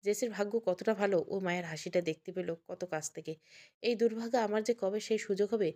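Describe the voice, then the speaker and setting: A woman's voice: mid-range voice, fairly quick, mellow. Woman narrating an emotional audio story.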